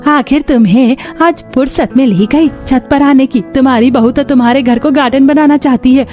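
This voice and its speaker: A woman's voice: high-pitched, warm tone. A woman voicing a nosy neighbor woman who gossips and teases. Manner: teasing, gossipy. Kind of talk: cartoon voice acting.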